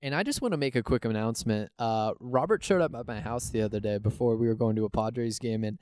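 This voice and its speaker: A man's voice: mid-range voice, quick pace, a little mellow, dry recording. A man co-hosting a casual podcast who rambles with lots of fillers and restarts. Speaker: podcast co-host.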